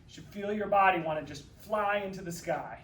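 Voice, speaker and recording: High-voiced man coaching a workout. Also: brisk, fairly bright tone, recorded from a distance, slight background noise. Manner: upbeat, joking coach talk, counting reps. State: a little out of breath while exercising. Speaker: fitness instructor. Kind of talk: guided workout instruction. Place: empty room. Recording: echoey room, from away from mic.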